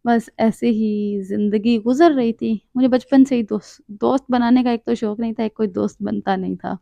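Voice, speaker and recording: A woman's voice: a little high, fairly even intonation, creaky, dark tone, no room sound. A young woman from Pakistani Punjab telling a personal story in an earnest, reflective and advising way. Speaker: storyteller and author. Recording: dull, dry lo-fi recording.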